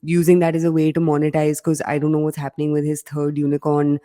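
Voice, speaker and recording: A woman from India co-hosting a podcast, chatting casually about business news with emphatic, animated delivery and lots of fillers. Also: sits low, fast talker. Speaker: podcast co-host.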